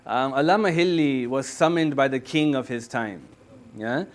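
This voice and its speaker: A man's voice: mid-range voice, normal speed. Sermonizing man, constantly checking in. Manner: tells stories with many "yeah?" checks to the listeners; earnest, exhorting. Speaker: imam giving the Friday sermon.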